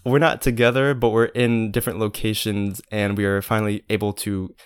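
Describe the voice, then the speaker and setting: A man's voice: fairly low pitch, level tone, a little fast, smooth, dry recording. A man co-hosting a podcast in casual, jokey chat, often correcting himself as he goes. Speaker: podcast co-host. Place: spare, near-empty bedroom in a beach house. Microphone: podcast microphone with pillows in front.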